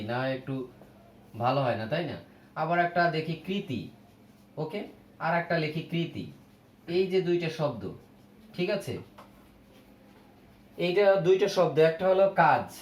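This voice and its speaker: A man teaches grammar to young schoolchildren in a slightly raised voice, reading out word lists and pausing to ask if they follow. The sound is roomy and echoey, with a faint hum of ambience behind him. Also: fairly high pitch. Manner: explains slowly, lists words, checks with "ok?". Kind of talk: grammar lesson for young pupils.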